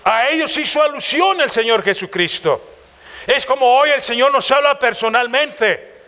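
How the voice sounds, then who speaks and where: A man's voice: very high voice, animated, moderate pace, pushed and bright. A man with a Mexican accent preaching a passionate church sermon, firing rhetorical questions at the congregation. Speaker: pastor.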